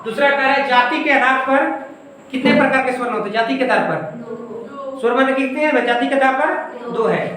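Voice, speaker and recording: A woman teaches grammar to a coaching class in a very echoey room, far from the mic. She asks questions and answers them herself, at a middle pitch. A faint hiss runs underneath. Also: normal speed, a bit bright. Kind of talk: classroom lesson.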